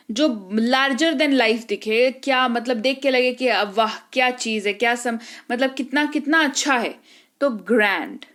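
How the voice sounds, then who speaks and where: A woman teaching a vocabulary lesson, reading each Hindi word and then its English meaning slowly and deliberately, checking in with the learners now and then. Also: high-pitched, a bit bright. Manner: explains with rising checks.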